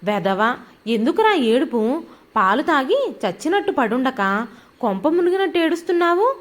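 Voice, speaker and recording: An impatient young woman, as a storyteller puts her on snaps in a harsh, raised voice. Her pitch jumps high and swings widely. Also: very animated, normal speed. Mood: irritated. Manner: snappish, harsh. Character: irritable young sister-in-law, impatient with the baby.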